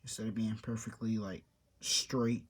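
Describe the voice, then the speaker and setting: A man's voice: on the low side, flat delivery, measured pace, slightly rough. A young man in a casual show-and-tell vlog, rambling offhandedly about his papercraft build and trailing off mid-sentence. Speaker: papercraft hobby vlogger.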